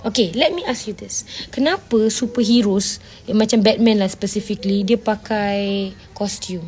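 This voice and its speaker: A woman's voice: mid-range voice, moderate pace, darkish tone. A woman with a Malaysian Malay accent hosts a casual livestream, answering viewer comments bluntly and mixing Malay with English while she scolds her audience. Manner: blunt and scolding, often asks "faham tak?".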